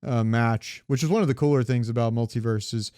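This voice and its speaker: A podcast co-host chats informally about pop culture, offering strong opinions and swearing now and then. His medium-pitched voice is brisk, smooth and a little mellow. The recording is dry and studio quality.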